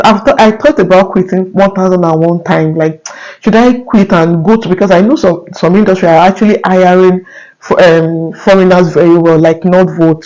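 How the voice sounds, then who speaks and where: A young man with a Nigerian accent speaks to camera in a fairly high voice. He talks earnestly and casually, tagging his points with "right?" and restarting his phrases as he goes. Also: darkish tone, rough recording. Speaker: vlogger.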